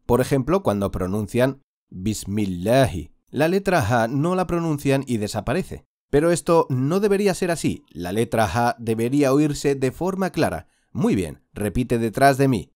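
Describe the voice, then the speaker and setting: A man teaching recitation in a slow, patient lesson, stretching out sounds for the listener to repeat. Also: mid-range voice, very animated, a little mellow, dry recording, clean studio sound. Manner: patient, drawn-out demonstration of sounds. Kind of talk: slow instructional lesson with repeat-after-me drills.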